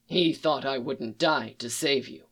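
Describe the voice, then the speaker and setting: A gruff, weary male monster hunter, as a storyteller puts him on, speaking low, hushed and clipped. Each word comes unhurried and heavy with resolve. The read-aloud story unfolds at a slow, steady pace. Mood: tender. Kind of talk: reading a fan story aloud.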